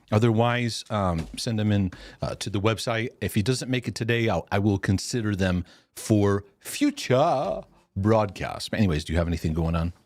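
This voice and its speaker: A middle-aged man hosts a live Q&A stream in a fairly low voice, recorded dry. He's congested and sneezing, and he rambles, interrupts himself, and laughs as he goes.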